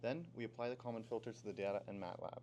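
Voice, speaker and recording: A teenage boy from Pennsylvania reading a scripted project presentation in a steady, explaining way. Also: on the low side, fast talker, a little hiss or hum. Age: teens. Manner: steady, read-aloud explaining. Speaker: student presenter.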